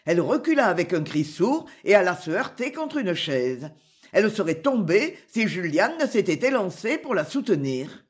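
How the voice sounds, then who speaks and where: A narrator reading a classic novel aloud in a slow, expressive storytelling manner. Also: mid-range voice. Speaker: audiobook narrator. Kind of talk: scripted literary narration.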